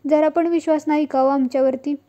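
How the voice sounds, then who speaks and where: A woman voicing a boastful, pushy son-in-law in a serial recap, in her own high voice. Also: steady tone, fast, mellow, natural voice.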